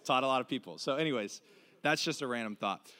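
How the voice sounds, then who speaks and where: A man's voice: medium pitch, animated, quick pace, bright, forceful tone, clean tone. A man in his twenties preaching a sermon in a casual, candid way, often restarting and repeating words. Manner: casual, candid, stumbling repetitions. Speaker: pastor.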